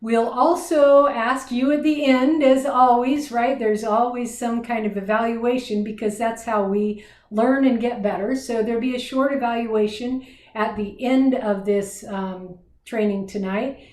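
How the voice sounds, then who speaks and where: A woman's voice: fairly high pitch, steady tone, measured pace, hardly any pauses, a little mellow. A woman hosting a webinar, giving an informal spoken introduction. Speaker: webinar host. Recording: roomy, echoing sound.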